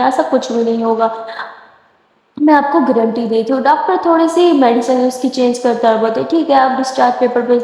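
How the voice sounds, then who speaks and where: A woman a high voice narrates a romance story in a loose, chatty way, slipping straight into the characters' dialogue and repeating as she talks. Her voice rings out in a very echoey room a long reverb tail. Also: a little mellow. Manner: casual, slips into dialogue, repeats words.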